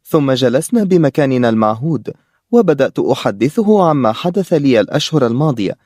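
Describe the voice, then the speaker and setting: A man narrating a novel as an audiobook in a steady, even storytelling voice. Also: mid-range voice, no room sound, clean studio sound.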